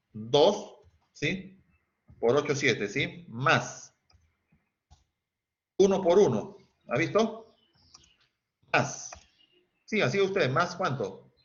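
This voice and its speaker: Un profesor con acento peruano que da una clase de química en línea y pregunta "¿sí?" a cada rato a sus alumnos. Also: male voice, medium pitch, a bit bright. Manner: quizzing students, asking "¿sí?" often, sings snatches. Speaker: teacher. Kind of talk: online chemistry class. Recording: dull lo-fi sound.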